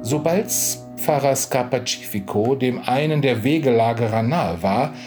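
A man calmly reading a folk tale aloud as narrator. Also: mid-range voice, normal speed, faint music behind. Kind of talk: storybook reading.

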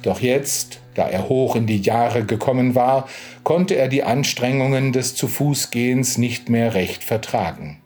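A man calmly reading a folk tale aloud as narrator. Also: medium pitch. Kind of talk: storybook reading.

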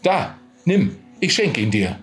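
A man's voice: medium pitch, sing-song, takes it slowly, a bit bright, faint music behind. A man voicing an old, gullible village priest who exclaims in indignant disbelief.

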